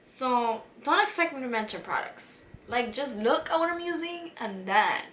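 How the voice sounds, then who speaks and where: A woman's voice: on the high side, lively intonation, normal speed, fairly bright tone. A tipsy woman chatting casually through a makeup tutorial, rambling and self-deprecating with mild swearing. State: tipsy from beer. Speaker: beauty vlogger, tutorial host. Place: echoey room at home. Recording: echoey room with faint noise.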